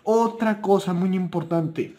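Speaking slowly in a high, mellow voice, this man with a Mexican Spanish accent gives casual, off-the-cuff product advice. He keeps it informal and chatty, fixing his own words along the way.

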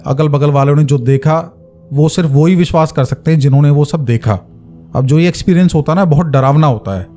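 A man's voice: fairly high pitch, mellow. A man narrating a horror story in a casual, conversational way, stopping to explain with asides.

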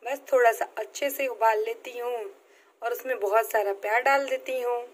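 A hoarse woman, chatting casually to her viewers while cooking in her home kitchen, filming on a handheld phone. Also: on the high side, steady tone, moderate pace, rough recording. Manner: chatty, talking straight to viewers. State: hoarse, voice nearly gone. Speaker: vlogger.

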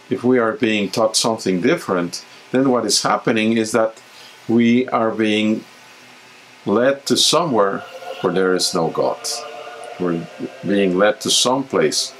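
A man in his fifties, a deacon, reading the gospel and giving an earnest, measured homily from a small home chapel, with occasional halting restarts. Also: on the low side, a bit bright, slight background noise, poor audio.

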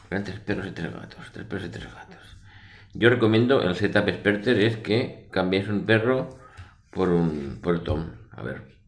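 Low-pitched Spanish man in a roomy space. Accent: Spain Spanish. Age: middle-aged. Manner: rambling, colloquial. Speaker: board game reviewer. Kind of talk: casual explanation of game rules. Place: small room indoors. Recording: roomy echo.

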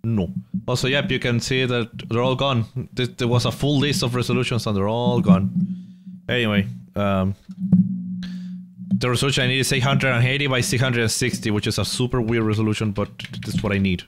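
A man's voice: mid-range voice, fairly even intonation, a little fast, slight background noise. A man talking casually on a live stream, exasperated and swearing while he wrestles with screen settings. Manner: exasperated, swears, grumbles about tech trouble. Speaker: game streamer.

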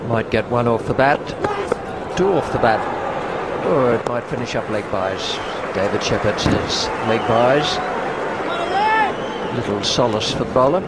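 A man's voice: mid-range voice, measured pace. A man commentating live cricket on TV with short, clipped remarks. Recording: broadcast with loud crowd and noise.

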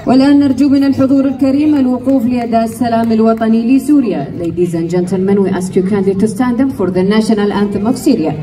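A woman announcing the results of an outdoor show over a PA loudspeaker. She switches between formal Arabic and English and rolls out each rider's name in a measured, ceremonial way. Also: fairly high pitch. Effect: heard over a PA loudspeaker. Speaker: event announcer. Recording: distant PA sound with loud music and crowd.

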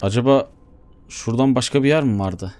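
A man giving Let's Play commentary, chatting to himself as he plays and bursting into excited shouts. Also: medium pitch, brisk. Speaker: gaming YouTuber.

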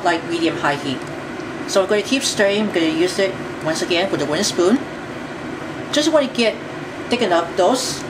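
A woman walks viewers through a recipe in her home kitchen, chatty and repeating herself as she stirs. Her voice sits a little low and sounds distant from the mic. Loud appliance noise runs under everything. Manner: step-by-step, chatty, repeats phrases. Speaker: cooking show host. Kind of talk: home cooking demonstration.

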